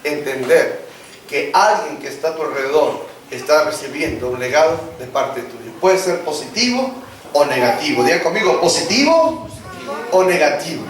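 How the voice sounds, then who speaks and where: A man's voice: on the high side, animated, moderate pace, slight background noise. A man preaching a sermon, leading call-and-response and acting out family dialogues. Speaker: pastor. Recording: echoey church hall, distant mic, congregation.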